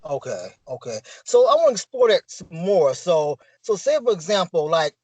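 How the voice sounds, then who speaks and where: Guy asking interview questions, pretty high voice, dry close sound. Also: very animated, normal speed, a little mellow, slightly rough, no room sound, rough recording. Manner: brief prompting, short acknowledgements.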